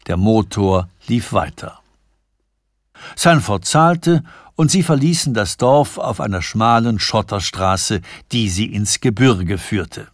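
Slow, measured male narrator. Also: lowish voice, no echo, studio quality. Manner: measured, expressive storytelling. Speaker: audiobook reader. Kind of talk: scripted literary narration. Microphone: studio microphone.

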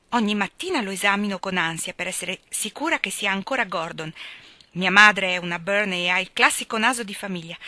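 A woman reading aloud plays a chatty, vain girl of eighteen, all gush and swooping emphasis. The voice is bright and crisp. It is set close in a dry, bare recording. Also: mid-range voice, dry recording. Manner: theatrical, gushing, swooping emphasis. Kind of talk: audiobook character reading.

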